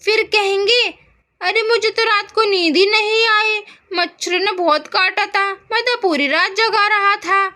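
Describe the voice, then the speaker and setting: A grumbling old grandmother, voiced by a woman nags and complains in a high, bright voice. It is a homemade doll storybook. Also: fairly quick, hardly any pauses. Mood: complaining. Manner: complaining, nagging.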